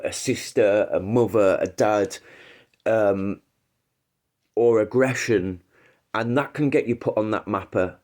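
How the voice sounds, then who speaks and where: His voice is mid-range with a darkish tone, and he's clearly congested from a cold. As host of a casual livestream, he meanders through his opinions, restarting often.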